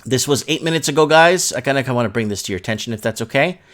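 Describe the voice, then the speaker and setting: Here a man hosts a laid-back livestream, his mid-range voice a bit bright, expressive and racing. Loose and full of slang, he wanders between chatting and reading viewer comments and news aloud.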